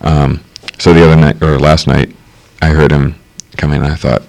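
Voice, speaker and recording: Super deep guy, flat monotone, rambly and hesitant, lots of ums. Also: normal speed, gravelly. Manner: rambling, hesitant, with many fillers and restarts. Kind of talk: casual conversation.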